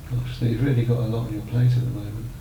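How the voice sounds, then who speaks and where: Sympathetic male child psychiatrist acted by a man for role-play; gentle, tentative, heard from afar in a noisy room. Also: fairly low pitch, flat delivery, very fast, muffled recording, lightly acted. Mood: sympathetic, probing. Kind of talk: acted clinical consultation. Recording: roomy, distant mic, noisy background.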